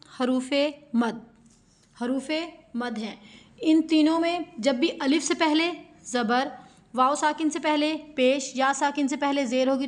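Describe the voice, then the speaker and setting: A high-pitched woman with a Pakistani Urdu accent teaches Quran recitation in a slow, patient way. She breaks each word into syllables and asks her listeners rhetorical questions as she goes. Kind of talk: slow step-by-step recitation lesson.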